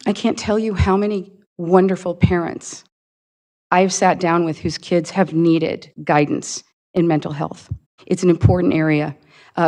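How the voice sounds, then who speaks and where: An older woman, a retired teacher from Indiana, delivers a prepared campaign statement to a public forum. Her voice sits a little low, and she talks in an earnest, halting way, pausing on fillers and restarting her phrases. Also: darkish tone. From Indiana, USA. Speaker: county board candidate.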